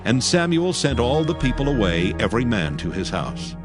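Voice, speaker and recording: A man narrating dramatized scripture as a solemn, measured storyteller. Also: mid-range voice, big pitch swings, over music.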